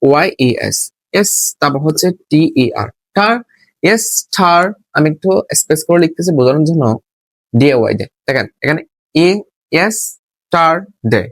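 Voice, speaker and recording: A man's voice: on the high side, expressive, normal speed, no echo. A male teacher giving a spoken lesson. He repeats each rule, asks questions and answers them himself, and spells words out letter by letter. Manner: repetitive, asks and answers his own questions. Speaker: English teacher.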